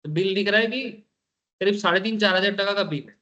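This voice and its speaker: A male teacher telling a personal story to his class in an animated way, turning to his listeners directly. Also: high-pitched, fast. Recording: dull lo-fi recording.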